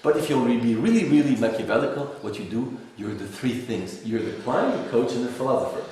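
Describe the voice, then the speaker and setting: A man's voice: medium pitch, lively intonation, a little fast, darkish tone. Man from Algeria, teasing, in an echoey room. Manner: teasing, wry, laughs between remarks. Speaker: philosophy seminar leader. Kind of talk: live workshop lecture to a group. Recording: echoey room, from far off, faint hiss.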